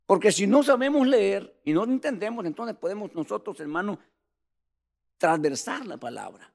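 A man's voice: high-pitched, expressive, moderate pace, gravelly, darkish tone, in a large hall. A man preaching a sermon in a fervent, emphatic way, speaking straight to the congregation.

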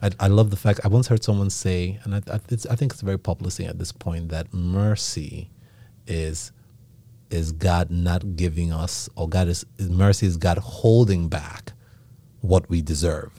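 A man with a Nigerian accent talks through a casual faith discussion in a reflective, teaching way. His voice sits very low and sounds mellow and dark. He checks in with "right?" as he goes. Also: steady tone, moderate pace.

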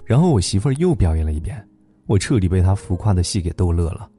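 A man hosting a late-night story program, narrating a gentle tale in a calm, tender way. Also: low voice, fast talker, husky. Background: soft instrumental music.

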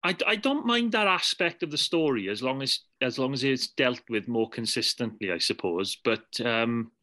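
A man's voice: medium pitch, expressive, normal speed, pushed and bright. A man co-hosting a casual film-review podcast, wry and teasing. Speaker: podcast co-host.

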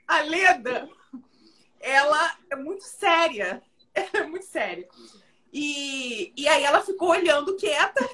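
A woman with a high, bright voice that swings widely as she talks. She tells stories about her makeup work in an animated, theatrical way, full of laughter, in a casual podcast chat. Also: a little slow. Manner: animated storyteller, dramatic and laughing. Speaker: makeup artist.

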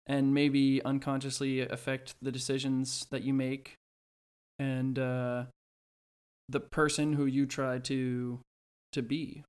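A young man with a mid-pitched voice chats casually as a podcast co-host. He thinks out loud, feeling his way through sentences and often rephrasing as he goes. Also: completely flat delivery, takes it slowly, smooth. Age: early twenties. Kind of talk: casual chat.

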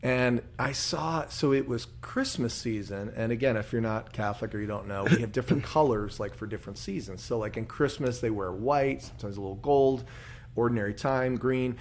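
A male church musician hosting a podcast, telling stories in a loose, conversational way. He acts out the people he quotes with a lot of animation, and his voice sits at an ordinary male pitch. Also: fairly quick, slight background noise. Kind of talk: casual storytelling chat.

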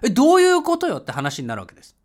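Lively laughing man telling a travel story. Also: very high-pitched, racing. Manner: lively, laughs often, bursts into loud English shouts when reenacting. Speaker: podcast host. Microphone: home mic voice message.

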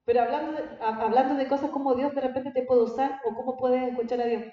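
A woman's voice: high-pitched, fairly even intonation, quick pace, dark tone. A woman pastor, teaching her congregation in a conversational way and often asking them questions. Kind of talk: church teaching talk. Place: church hall. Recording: very echoey church hall, dull sound.

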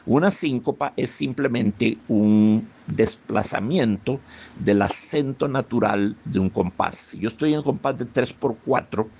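A man's voice: mid-range voice, a little slow, a little mellow. A man presenting music, counting out beats to show rhythm. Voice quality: gravelly, husky. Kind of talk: explanatory talk on music.

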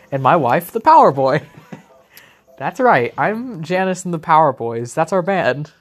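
A man's voice: fairly high pitch, expressive, a little slow. A young man co-hosting a let's play, rambling through silly jokes and giggling often. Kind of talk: casual gaming chat. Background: video game music.

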